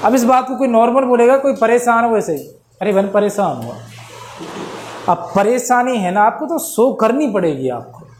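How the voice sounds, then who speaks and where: A man's voice: very high-pitched, expressive, moderate pace, few pauses. A man teaching a Hindi grammar lesson in a casual, playful way, acting out examples and laughing along. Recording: echoey room with faint background noise.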